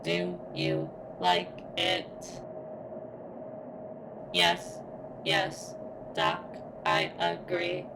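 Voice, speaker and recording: In a full character voice for an ASMR roleplay, a woman plays a female surveillance robot with an extremely deep, slow delivery thick with gravelly fry. She speaks formally and haltingly, sounding strained as if hurting, yet vulnerable and flirtatious, while background noise is clearly audible.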